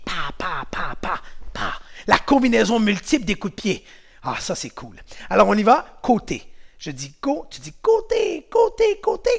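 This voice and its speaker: Male karate instructor, animated and bouncy, calls moves with gusto. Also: sits high, vocal fry. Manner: energetic, shouts commands and makes whoosh sounds. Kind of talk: kids' martial arts class.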